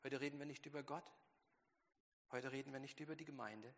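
A man's voice: mid-range voice, steady tone, fairly quick, creaky, a bit bright. A man preaching a sermon with strong emphasis, acting out biblical quotes in a raised voice. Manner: emphatic, acts out quotes in a heightened voice. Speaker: pastor. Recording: long hall reverb.

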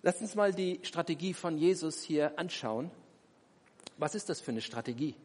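A man's voice: on the high side, animated, normal speed, a little mellow, husky. A man preaching a sermon, driving his points home with emphatic rhetorical questions. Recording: long hall reverb.

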